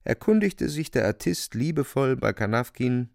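A man narrating a radio drama in a vivid, expressive storytelling manner. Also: mid-range voice, normal speed, vocal fry, no echo.

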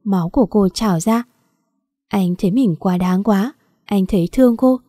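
An audiobook narrator, a woman with a mellow, mid-range voice, reads a scripted story at a normal speed. The recording is dry with clean studio sound.

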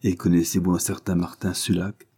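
A man's voice: low-pitched, little pitch movement, warm tone, slightly rough. A man doing a shrewd, probing detective. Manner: probing, measured questioning. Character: calm shrewd Japanese male detective.

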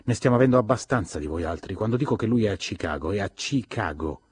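A man's voice: low voice, a little fast, a little mellow, husky, no room sound, studio quality. A man voicing an indignant secretary woman who speaks curtly and scolds. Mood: hostile. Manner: curt, scolding.

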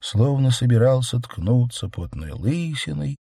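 Male narrator, audiobook, steady delivery, dry close recording. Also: mid-range voice, husky, no echo. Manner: measured, even storytelling.

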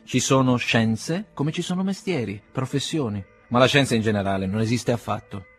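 A man's voice: mid-range voice, normal speed, faint music behind, lightly acted. A man reading as a brusque young nihilist. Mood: blunt, dismissive. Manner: curt, blunt, dismissive. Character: brusque young male nihilist, a doctor's son.

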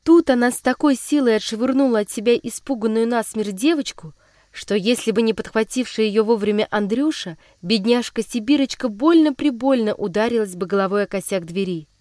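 A woman narrating a children's story in a measured, expressive reading voice. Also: fairly high pitch, no room sound, clean studio sound.

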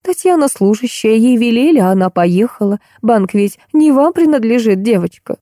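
A frail, weary old woman played by a female audiobook reader speaks in a faint, trembling voice that rustles softly. She sounds tired and pleading, a little higher than the narrator, and the recording is dry and close. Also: animated, moderate pace, no room sound, natural voice. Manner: tired, pleading, soft-spoken. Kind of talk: audiobook character voice.

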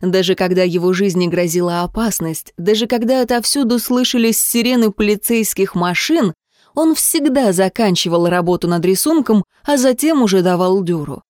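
A woman reading a story aloud as an audiobook narrator, in a tense, measured manner. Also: medium pitch, lively intonation, a little mellow, no room sound, studio quality. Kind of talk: scripted narration.

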